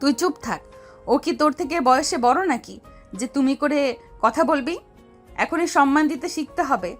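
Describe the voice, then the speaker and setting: A high-voiced, domineering older sister, played by a woman in an audio love-story drama. She scolds and gives orders in a commanding way, with soft music underneath. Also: expressive, moderate pace. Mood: scolding. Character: bossy older sister, domineering, quick to anger.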